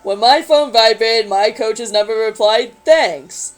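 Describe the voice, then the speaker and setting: A woman's voice: on the high side, takes it slowly, faint music behind, poor audio. A woman reading a magazine story aloud in a casual group chat, adding wry, sarcastic asides.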